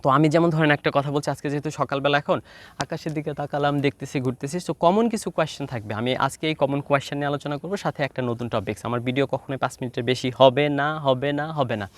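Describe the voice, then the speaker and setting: A man with a Bangladeshi accent teaching spoken English in an informal lesson, mixing English and Bengali and drilling practice questions slowly, again and again. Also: medium pitch, steady tone. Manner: mixes English and Bengali, fillers and restarts.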